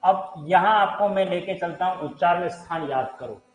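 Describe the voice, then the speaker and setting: A man's voice: high voice, moderate pace, a little hiss or hum, poor audio. A man teaching a live online Hindi grammar class, talking straight to his viewers, quizzing them and answering his own questions. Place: teaching room with a board.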